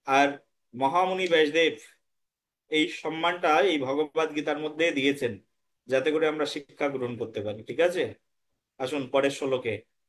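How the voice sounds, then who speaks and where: A man's voice: on the high side, steady tone. A man with a Bengali accent teaching a scripture lesson, patiently breaking Sanskrit verses into syllables and chanting them. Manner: slow syllable-by-syllable Sanskrit drilling. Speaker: Gita teacher.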